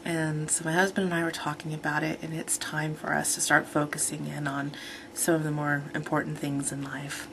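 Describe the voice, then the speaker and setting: Woman in her thirties, low gravelly voice, rambling casual vlog talk, faint hiss behind. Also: level tone, moderate pace. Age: 30s. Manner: rambling, chatty, self-correcting. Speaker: vlogger.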